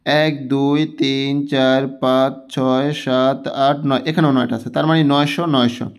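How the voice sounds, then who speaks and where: A man's voice: medium pitch, level tone, clean tone. Patient man teaching kids math. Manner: patient, counts blocks aloud slowly. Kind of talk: children's math lesson.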